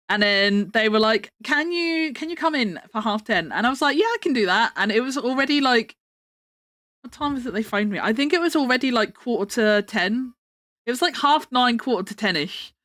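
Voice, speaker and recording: A woman's voice: medium pitch, sharp tone, no echo, studio quality. A British woman chatting casually on a livestream in a cute, playful, rambling way. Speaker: livestream host.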